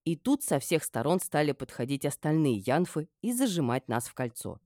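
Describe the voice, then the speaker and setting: Low-voiced woman narrating a novel. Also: normal speed, no room sound, studio quality. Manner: lively, expressive. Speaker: audiobook narrator. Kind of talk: first-person novel narration.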